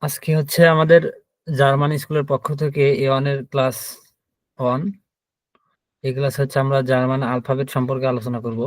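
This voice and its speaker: A man leads an online language lesson at an ordinary pitch. He patiently spells out each letter one at a time. The sound is close and dry. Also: little pitch movement, fairly quick, pauses often, dry recording. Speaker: German teacher.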